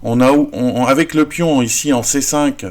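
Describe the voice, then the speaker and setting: A man's voice: mid-range voice, normal speed. A man explains a chess opening at an easy, unscripted pace. He stops often to search for words and restarts his phrases, then reads out the moves plainly. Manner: hesitant, many fillers and restarts. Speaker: chess teacher. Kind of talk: casual chess lesson.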